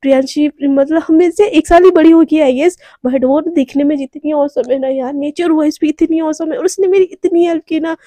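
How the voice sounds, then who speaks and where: Casting: a woman doing an excitable young college girl, chatty and teasing, high mellow voice, dry sound. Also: normal speed, few pauses, no echo, close to an everyday voice. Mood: excited. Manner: chatty and playful.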